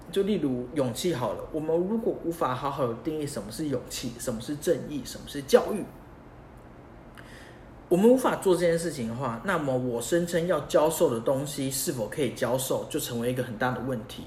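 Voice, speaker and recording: A young man hosting a podcast. He talks casually and animatedly, firing off rhetorical questions. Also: mid-range voice. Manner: animated, asks many rhetorical questions, chuckles at himself. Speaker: podcast host. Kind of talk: casual explanatory podcast monologue. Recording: roomy echo, faint background hiss.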